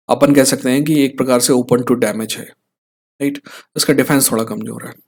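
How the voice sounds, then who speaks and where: Indian man explaining fights casually. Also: medium pitch. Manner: conversational, tag questions to viewers. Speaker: fight analyst host.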